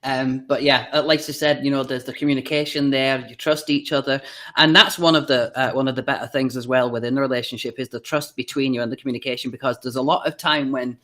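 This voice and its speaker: A man's voice: medium pitch, fairly even intonation, fast talker, pushed and bright. A man hosting a live stream, easygoing and chatty with lots of fillers. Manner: easygoing, many fillers, laughs often. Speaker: host. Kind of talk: casual live-stream chat.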